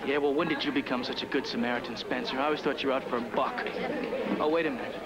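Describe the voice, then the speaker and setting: An actor playing a combative, sneering young developer in a 1980s daytime soap. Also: male voice, mid-range voice, fairly even intonation, fast talker, a loud crowd, lightly acted. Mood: hostile. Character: brash scheming young male developer. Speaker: land developer in a soap opera. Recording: loud music under the dialogue.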